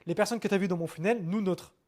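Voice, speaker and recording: Brief: male marketing coach, rapid casual delivery, slightly high voice, lots of fillers. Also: a little mellow. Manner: fast, informal, many fillers and restarts, addresses viewer with "ok?". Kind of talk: screen-share marketing lesson.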